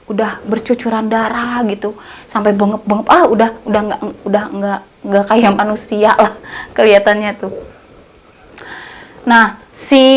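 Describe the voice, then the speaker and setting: A woman telling a horror story in a casual, colloquial way, repeating herself often and using many fillers. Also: fairly high pitch.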